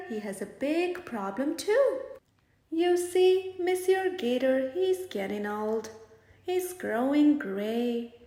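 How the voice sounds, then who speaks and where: A woman reading a bedtime story aloud in an animated, dramatic way. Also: sits high. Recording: echoey room.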